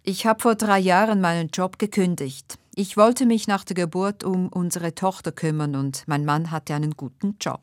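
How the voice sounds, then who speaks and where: A woman playing a nervous but polite job applicant in a scripted dialogue for language learners, speaking carefully and clearly. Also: fairly low pitch, moderate pace, few pauses, dry recording, studio quality, lightly acted.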